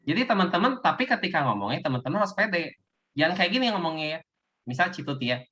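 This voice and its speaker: Fast-talking man coaching sales. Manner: lively, acts out sales pitches to the audience. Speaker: business presenter. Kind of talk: casual sales coaching talk. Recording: dull lo-fi recording.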